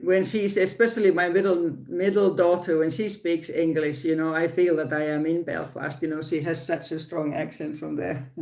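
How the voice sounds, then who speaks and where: Her voice is low and steady with a darkish tone, a little slow, and the sound is roomy. She's an older Finnish crochet channel host with a Finnish accent streaming live and casually from her phone, frequently laughing and restarting her sentences.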